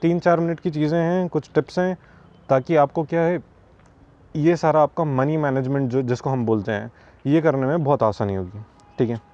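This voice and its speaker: Man, tutorial voice-over, casual explainer, warm dark tone, slightly muffled audio. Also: fairly high pitch, normal speed. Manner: casual, explanatory, mixes in English phrases. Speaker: trading educator. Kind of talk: screen-capture tutorial narration. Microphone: voice-over over screen capture.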